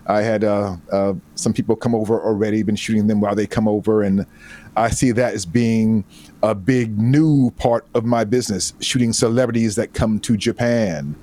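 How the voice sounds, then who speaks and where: Low-voiced photographer, easygoing. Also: male voice, normal speed. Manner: relaxed, easygoing storytelling with fillers. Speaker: photographer, interview guest. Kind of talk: casual interview chat.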